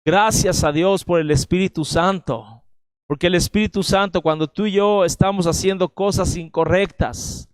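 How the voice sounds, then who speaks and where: A man's voice: high voice, normal speed, clear, resonant tone, no room sound. A man preaching a sermon in a Mexican accent, emphatic and speaking straight to his listeners. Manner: emphatic preaching, addresses listeners directly with frequent "¿verdad?". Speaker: pastor.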